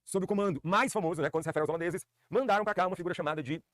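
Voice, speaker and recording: A man's voice: sits high, racing, fairly bright tone, no room sound. A man from Ceará, teaching a history lesson in a joking, colloquial way and repeating key points. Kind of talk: energetic classroom lecture. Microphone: filmed by a camera operator.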